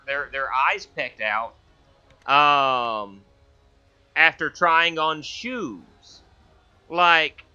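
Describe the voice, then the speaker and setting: A man with a slightly high, sharp voice hosts a casual let's-play for his gaming channel, rambling and repeatedly stammering into restarts as he plays. His headset gaming mic yields a dull, lo-fi sound.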